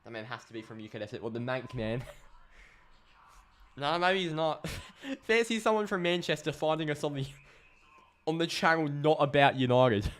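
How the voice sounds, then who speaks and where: An Australian man hosting a live stream, giving excitable play-by-play commentary and chatting casually with his viewers. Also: on the high side, moderate pace. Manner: excitable play-by-play, chats with viewers, swears when frustrated.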